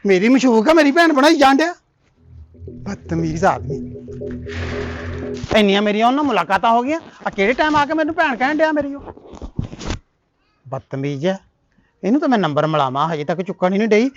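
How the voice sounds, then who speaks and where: A man's voice: very high voice, sing-song, very fast, few pauses, over music. A man with a Punjabi accent acting in a comedy sketch, scolding and indignant, stammering when flustered. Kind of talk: comic sketch dialogue.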